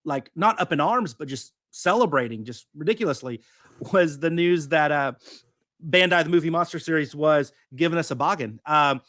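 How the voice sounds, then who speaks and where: A man co-hosting a casual podcast, rambling with many fillers and restarts. His voice sits a touch high, and the sound is close and dry. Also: expressive, moderate pace, a bit bright, no room sound. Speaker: podcast co-host. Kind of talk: casual chat.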